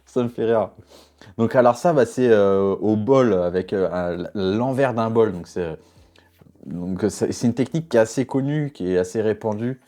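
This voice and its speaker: A man's voice: on the low side, moderate pace, mellow. A knife sharpener giving casual reaction commentary, a man who talks bluntly, swears, laughs often and sounds exasperated.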